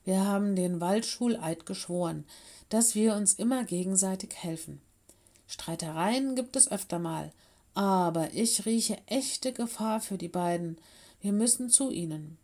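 An earnest young animal boy speaks with quiet determination, voiced by a woman reading a storybook. He sounds loyal and steady. The pace is slow and careful. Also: medium pitch, natural voice. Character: young male forest-school animal pupil, earnest and loyal. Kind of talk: audiobook character voice.

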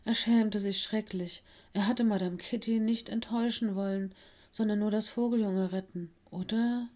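A woman narrating a children's storybook in a gentle, measured way. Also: medium pitch, fairly even intonation. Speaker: audiobook narrator.

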